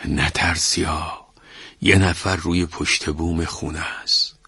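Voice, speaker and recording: A man doing a hushed, scheming old merchant. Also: sits low, fairly even intonation, husky, no echo, exaggerated voice. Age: older. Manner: hushed, conspiratorial.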